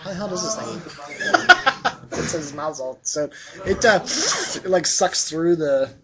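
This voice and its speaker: A man working as game master, improvising narration for a tabletop game in a casual, halting way as he searches for words. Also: fairly high pitch, animated. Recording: dull lo-fi sound, chatter behind.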